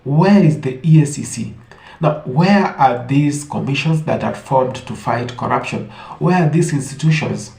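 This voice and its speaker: In an echoey room, a man from Africa lays out his opinions as an online commentator, emphatic and fond of rhetorical questions. He speaks unhurriedly in a mid-range voice with a darkish tone.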